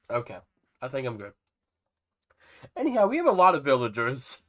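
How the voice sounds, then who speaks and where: A young man streaming a game live, his voice nasal and blocked up with a cold. He rambles on in a chatty way, swinging his pitch up and down a lot at a middling height. He talks both to his viewers and to the characters on his screen. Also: wildly swooping pitch, a little slow, fairly bright tone. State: stuffy nose, nasal and about to sneeze. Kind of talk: casual live-stream chat while playing.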